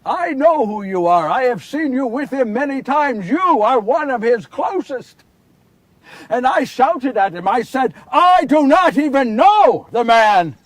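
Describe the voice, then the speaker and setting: A man performing Peter, a remorseful fisherman apostle, confesses in an earnest first-person stage monologue. His voice sits very high and husky. He swings from hushed regret to loud anguish, heard from a distance off the mic. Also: lively intonation, measured pace, few pauses, dry recording, full character voice.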